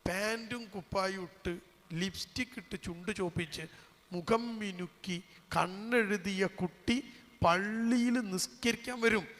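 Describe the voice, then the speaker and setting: Man, sermon, rhetorical questions, dramatic swings in loudness, ringing voice, echoing hall. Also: high-pitched, measured pace. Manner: dramatic, swinging from loud calls to hushed asides. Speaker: Islamic preacher and college lecturer.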